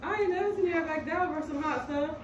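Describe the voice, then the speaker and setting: A woman's voice: high-pitched, rapid-fire, over a noisy crowd. A woman chatting casually from off camera. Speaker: off-camera onlooker. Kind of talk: casual chat. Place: indoor room, away from the camera. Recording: echoey, distant, very noisy room.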